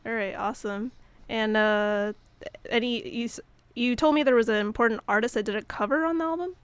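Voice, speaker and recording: A woman's voice: fairly high pitch, brisk, smooth, dry recording. A woman hosting a college radio show, chatty and encouraging, with short replies and frequent laughs. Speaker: radio host. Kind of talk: casual radio interview chat. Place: radio studio.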